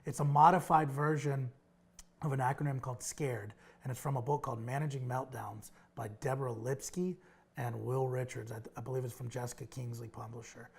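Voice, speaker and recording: A man's voice: mid-range voice, steady tone, fairly quick, gravelly, darkish tone, breathy edge. A male child behavior clinician hosting a parenting advice show, speaking straight to parents and explaining a strategy step by step. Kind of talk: direct-to-camera parenting advice talk.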